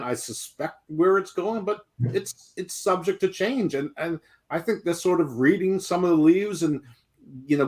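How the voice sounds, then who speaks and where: A man in his fifties, co-hosting a casual wrestling chat show, rambling and joking as he goes. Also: on the high side. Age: 50s. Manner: rambling, jokey, self-interrupting. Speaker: podcast co-host.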